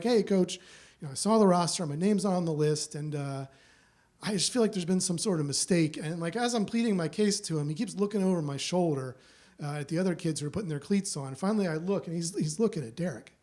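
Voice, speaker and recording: This host and storyteller talks loosely and rambles with lots of fillers during a live show recorded on a small theater stage. His voice is high, a little mellow, and fairly quick.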